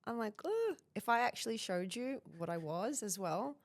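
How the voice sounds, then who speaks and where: A woman in her thirties with an Australian accent talks at normal speed in a slightly high voice. She's a personal branding guest in a casual podcast interview, confident and direct, telling stories with animation.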